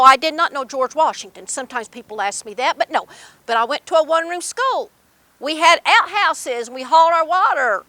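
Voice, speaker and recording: Bright, high-voiced older Appalachian woman storyteller. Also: no room sound. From Appalachian Mountains, Kentucky, USA. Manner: folksy, emphatic, uses dialect grammar. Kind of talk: live oral storytelling and personal reminiscence.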